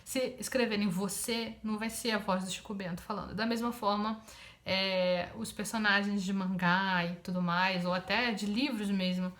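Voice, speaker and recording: A woman from Rio de Janeiro with a Carioca Brazilian Portuguese accent, explaining a language point in a casual lesson, pausing often with fillers. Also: medium pitch, steady tone, fairly bright tone. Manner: hesitant, many filler pauses. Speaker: Japanese teacher.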